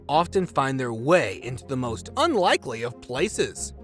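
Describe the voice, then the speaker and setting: A man's voice: medium pitch, big pitch swings, moderate pace. A man giving playful, slangy scripted narration for a countdown video. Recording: music bed under the voice.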